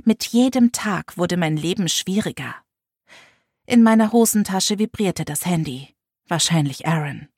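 A woman's voice: lowish voice, animated, measured pace, a little mellow, slightly rough, dry recording, clean studio sound. A young woman narrating a first-person audiobook with an intense, emotional delivery.

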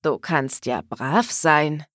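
A woman voicing a domineering, commanding man in an audiobook, speaking in a slow, low, insistent murmur. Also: no echo, studio quality. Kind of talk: audiobook character voice.

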